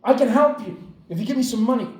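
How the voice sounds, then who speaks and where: A man voicing a pushy male street hustler who talks with fast, repetitive urgency. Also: very high voice, darkish tone, reverberant, slight background noise, voice pushed up. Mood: urgent.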